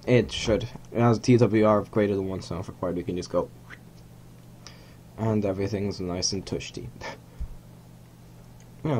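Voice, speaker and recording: Fairly low in pitch and a little mellow, this young man's voice carries a slight hiss or hum on the recording. A native Hungarian speaker, he chats through a rocket launch in a game from a small home room, rambling, self-correcting and tossing in chuckles.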